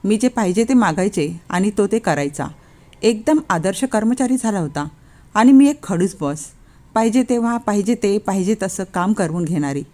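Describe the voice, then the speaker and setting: Mellow-voiced woman telling a story. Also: medium pitch, normal speed. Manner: expressive, lightly acts out quoted lines. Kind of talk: first-person story narration.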